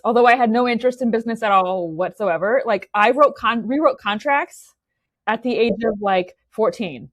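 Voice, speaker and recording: On the high side, this woman's voice comes through with no room sound. She's a Romanian in her forties, a chatty interview guest who keeps restarting her sentences and ending them with "okay?".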